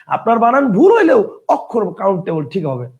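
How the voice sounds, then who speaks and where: A man's voice: sits high, huge pitch swings, normal speed. A man teaching a live online grammar lesson, asking questions and answering them himself.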